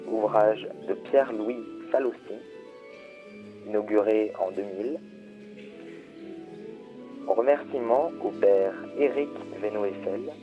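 Male narrator, low voice, very slow scripted read, dull lo-fi sound with faint music. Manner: measured, deliberate phrasing. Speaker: narrator of an audio guide.

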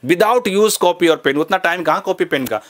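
A man's voice: sits high, animated, moderate pace, fairly bright tone. A young man from Bihar teaching as a memory trainer in a live class, rattling off numbers at speed and mixing English into his Hindi. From Bihar, India. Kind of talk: fast live class demonstration.

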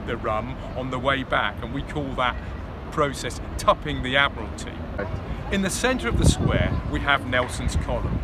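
A man in his thirties leading an architecture walking tour, explaining buildings in an informative storytelling way while standing outdoors in a busy city square, filmed on a camera held close. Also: mid-range voice. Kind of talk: outdoor guided tour narration. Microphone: handheld camera at close range. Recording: outdoor street with traffic noise.

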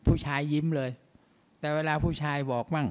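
A man with a fairly high voice preaching as imam in a mosque. He talks in a chatty, conversational way and keeps asking his listeners rhetorical questions. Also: fairly even intonation, a little fast, smooth. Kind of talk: mosque sermon.

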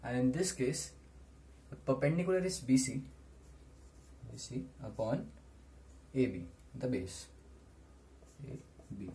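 A young man gives a maths lesson in a mid-pitched voice. He explains step by step in short, deliberate phrases. The camera microphone picks up faint noise in a small room. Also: very animated, dark tone. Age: teens to young adult. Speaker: maths tutor. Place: small room indoors at a whiteboard.

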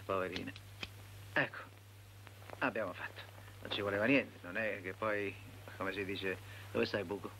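An actor playing an anxious husband who fusses and coaxes others along, in a film comedy. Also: male voice, fairly low pitch, steady tone, pushed and bright, a little hiss or hum, rough recording. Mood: fussing. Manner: fussy, hurried, coaxing. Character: fussy anxious husband, eager to please.

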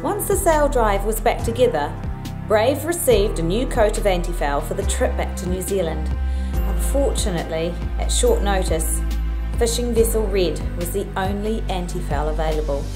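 A woman reading an even, informative voice-over for a sailing vlog. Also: mid-range voice, moderate pace, over music. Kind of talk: scripted voice-over narration.

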